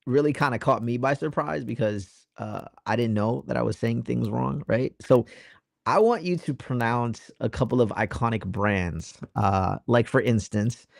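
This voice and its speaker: An American man, a guest in a casual interview, asking relaxed questions. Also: medium pitch, normal speed, creaky, no echo, studio quality. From United States. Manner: laughs easily, relaxed questioning.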